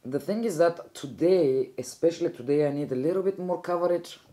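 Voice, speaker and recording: Speaking a little fast in a mellow, fairly low voice, this young woman from Bulgaria talks casually through her makeup tutorial in a Bulgarian accent. She's chatty and rambling as a beauty vlogger, often fixing her sentences partway through.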